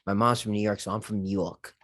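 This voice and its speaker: A man with a low voice, chatting as a guest on a podcast. He tells stories in an easygoing, casual way and leans on fillers as he goes. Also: steady tone, fast talker, a bit bright. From Japan. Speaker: guest content creator. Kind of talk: relaxed podcast conversation.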